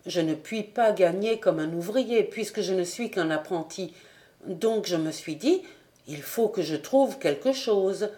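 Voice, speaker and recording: A woman's voice: mid-range voice, animated, a little slow, warm tone, close to an everyday voice. A woman reading the part of a shy but earnest poor boy apprentice in an audiobook, eager and a little flustered. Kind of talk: audiobook character voice.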